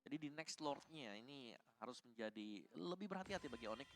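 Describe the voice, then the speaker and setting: A man's voice: medium pitch, expressive, fairly quick, a bit bright. A man giving explanatory live analysis as a commentator on an esports match. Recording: noisy live game broadcast.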